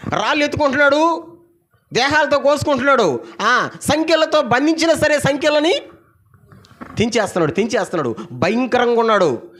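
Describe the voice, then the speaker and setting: A man in middle age preaches a Sunday sermon with a high, expressive voice that climbs and drops all over the place. He keeps calling on the congregation to answer him, then drops into low, quiet asides between the loud exclamations. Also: fairly quick, long pauses. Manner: animated preaching, calls for congregation responses; asks the audience many rhetorical questions. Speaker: pastor.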